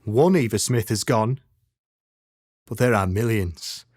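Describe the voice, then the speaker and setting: A man playing a grave, stern inspector who delivers a slow, solemn warning in a dramatic monologue. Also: lowish voice. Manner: slow, solemn, rising to forceful.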